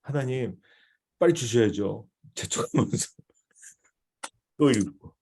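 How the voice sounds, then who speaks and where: A man's voice: medium pitch, expressive, slow, creaky, dark tone, slightly rough. A male missionary teaching a devotional seminar in a conversational way, often checking in with his listeners.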